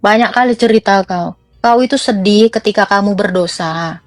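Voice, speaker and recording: A woman's voice: medium pitch, moderate pace, dry recording, soft background music. A young woman preaching in a blunt, teasing rant that mixes slang with scripture.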